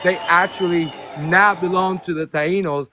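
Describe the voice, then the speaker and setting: A man's voice: sits high, steady tone, a little slow, crowd noise, background noise. Impassioned man calling in. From Puerto Rico. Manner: impassioned, repeats himself. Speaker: caller. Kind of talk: heated debate on a live stream.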